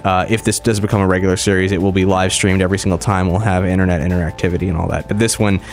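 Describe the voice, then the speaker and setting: A man with a fairly low voice hosts a casual podcast. His articulation is restricted, as if he can barely open his sore mouth, and faint music plays behind him. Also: level tone, racing, vocal fry. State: mouth sore after wisdom teeth removal. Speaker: podcast host.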